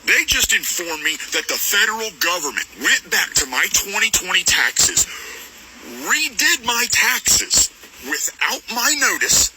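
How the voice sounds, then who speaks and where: Angry man venting, lively high voice. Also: unhurried, over music. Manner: agitated, indignant, voice cracks with upset. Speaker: farm owner venting in a video. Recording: phone recording with noisy background.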